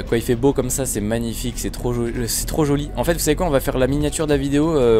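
A man giving casual, joking commentary while playing a bus driving game, with his voice jumping up in pitch when excited. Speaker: gaming video creator.

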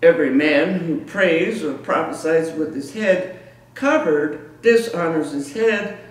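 A man's voice: on the high side, slow. A middle-aged man preaching a sermon in a small church, emphatic, with frequent repeated words and restarts. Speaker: pastor. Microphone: far room camera. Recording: echoey church room from far off.

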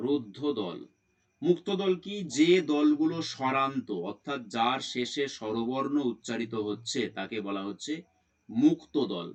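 Man teaching a step-by-step grammar lesson. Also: medium pitch. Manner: explains step by step, asks questions and answers them himself. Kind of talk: exam-prep grammar lesson.

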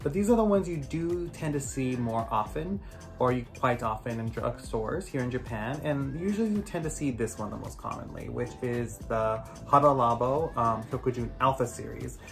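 A man with a raspy voice from allergies, casually reviewing skincare products at home in a chatty, rambling way. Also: medium pitch, expressive, moderate pace, music in the background. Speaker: skincare vlogger.

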